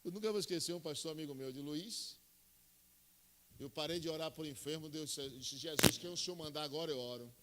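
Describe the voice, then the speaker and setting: A man with a Brazilian Portuguese accent preaching a sermon as pastor, emphatic, swinging from loud high bursts to low intimate asides while he tells stories. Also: brisk, big-room sound, background noise. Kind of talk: Pentecostal-style sermon with storytelling.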